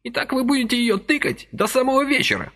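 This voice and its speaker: In this audiobook, a man performs a nervous, fussy little old man, raising his voice far above its natural pitch so it swoops about in a sing-song way. Fast-talking and fairly bright, the exaggerated character flips between indignation and eagerness.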